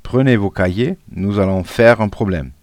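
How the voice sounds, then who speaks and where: A man voicing a priggish bespectacled schoolboy who is the teacher's pet, in a shrill, bossy voice. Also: normal speed, a little mellow, no echo, studio quality, close to an everyday voice. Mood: prissy, bossy.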